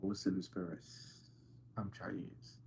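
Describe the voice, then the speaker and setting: A man with a deep, gravelly voice and little pitch movement answers livestream chat at a measured pace over background noise. He's playful and teasing yet insistent, repeating points for emphasis.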